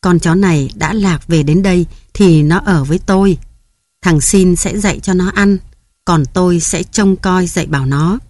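A woman voicing a kindly old village woman, gentle and firm, in a storybook reading. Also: fairly low pitch, normal speed, no echo, lightly acted.

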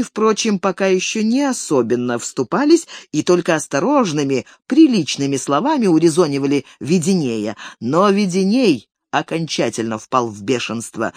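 An expressive narrator reading literary prose, the voice rising and falling in a lively way. The sound is close and dry, with no room in it. Delivery is steady and measured. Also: medium pitch, dry recording. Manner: expressive, varied intonation. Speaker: audiobook narrator.

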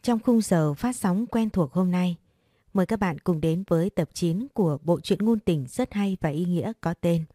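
A woman hosting an audiobook channel, narrating a story in a calm, measured, formal manner. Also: lowish voice, no echo, clean studio sound.

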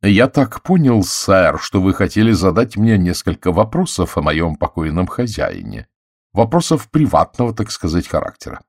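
A man's voice: sits low, big pitch swings, slightly rough, dry recording, clean studio sound, heavily acted. A man voicing a nervous, servile middle-aged butler who pleads and stammers, in an audiobook. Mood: pleading. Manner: pleading, stammering, slow and anxious. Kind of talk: audiobook character voice.

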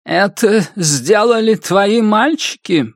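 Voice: medium pitch, expressive, slow pace, no echo, pitched above the performer's own voice. Audiobook: narrator plays a cutting, spiteful old woman who snarls her words, dry close-mic read. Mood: harsh, scornful. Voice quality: harsh, cutting. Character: harsh, spiteful old woman, a village witch. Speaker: audiobook narrator voicing a character. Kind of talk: audiobook reading.

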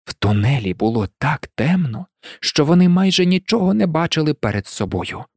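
A narrator reading an audiobook in an expressive, lively way. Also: medium pitch, normal speed, no room sound, clean studio sound.

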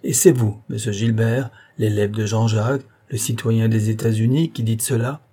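A man's voice: medium pitch, normal speed, mellow, slightly rough. A man voicing a blunt, vehement revolutionary countryman who argues with rising insistence, pressing question after question. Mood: indignant. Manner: heated, insistent, hammering rhetorical questions.

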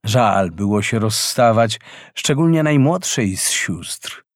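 A man narrating a fairy tale from a script in a slow, deliberate storytelling manner. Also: lowish voice, expressive, dry recording, clean studio sound.

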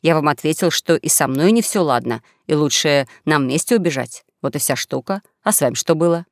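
A man's voice: a little high, expressive, fairly quick, no room sound, clean studio sound, pitched below the performer's own voice. A man voicing a young con-man who plays a wronged duke, mournful and grandiose. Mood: explaining. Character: young male con-man posing as a tragic duke, self-pitying.

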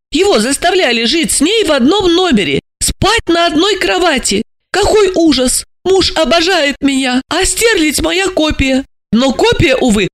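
A woman doing a shrill, frightened young wife. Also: dry recording. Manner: shrill, tearful pleading.

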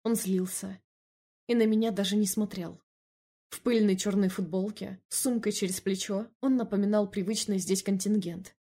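A woman narrating a first-person novel in an even, measured reading voice. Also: medium pitch. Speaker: audiobook narrator.

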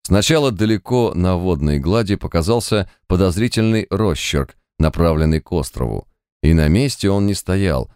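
A man's voice: low-pitched, clean tone, dry recording, clean studio sound. A man narrating an audiobook, voicing each character himself. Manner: reads every character himself in an expressive audiobook voice. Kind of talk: scripted narration.

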